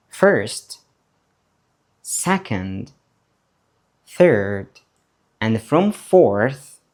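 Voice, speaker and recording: Here an English teacher, a man, takes beginners through vocabulary word by word, saying each one for them to repeat. He goes very slowly and deliberately, leaving long gaps. Lively, encouraging rises and falls in pitch run through his speech.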